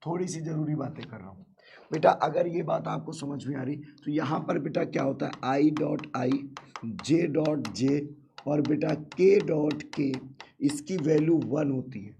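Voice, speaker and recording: A man with a sore throat teaches a live online math class in a fairly high voice. He keeps firing questions at his students and calling them "beta". Faint background noise sits under the voice. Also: unhurried, gravelly, dark tone, highs cut off.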